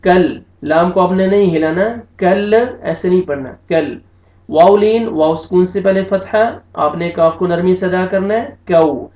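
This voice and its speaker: A man with a fairly high, slightly mellow voice speaks at a normal pace. He is teaching a Quran recitation lesson, patiently going through pronunciation rules one step at a time and spelling out each word. The audio is dull and lo-fi, with a roomy echo.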